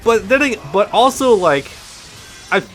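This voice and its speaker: A man's voice: high voice, animated, unhurried, soft background music. A man with a lisp giving casual, rambling gameplay commentary as a let's play host, swearing freely and restarting his sentences often. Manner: rambling, profane, frequent restarts.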